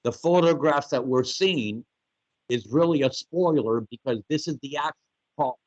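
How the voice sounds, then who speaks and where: A man's voice: fairly high pitch, moderate pace, dry recording. A man giving a hazmat webinar briefing over a computer microphone, his audio cutting out, speaking plainly with frequent restarts. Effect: audio keeps cutting out. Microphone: computer microphone on a video call. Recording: dull, dropping-out online call audio.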